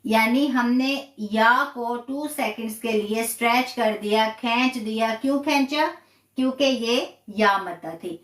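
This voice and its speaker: A woman's voice: on the high side, a bit bright, echoey room. A woman teaching Quran recitation rules, patiently repeating each term and asking herself questions. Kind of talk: slow step-by-step tajweed lesson. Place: live stream from a room.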